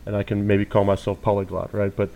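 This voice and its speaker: A man's voice: lowish voice, completely flat delivery, quick pace, creaky, mellow. A man interviewing a guest, affirming the guest's points and checking in with tag questions like "right?". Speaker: interviewer, host. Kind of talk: conversational interview.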